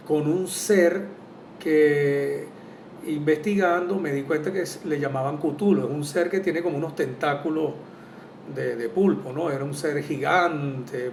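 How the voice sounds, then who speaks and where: A man speaking as a spiritual therapist in a casual monologue, earnest and reflective, often pausing on "eh". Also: darkish tone. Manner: earnest and reflective, with frequent "eh" hesitations. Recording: roomy echo from a distant mic, faint rumble.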